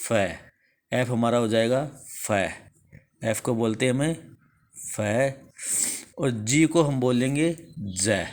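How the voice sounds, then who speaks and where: A man with an Indian accent and a mid-range, somewhat dark voice walks through the English alphabet slowly. He asks, answers himself, and says each answer again in this repetitive lesson.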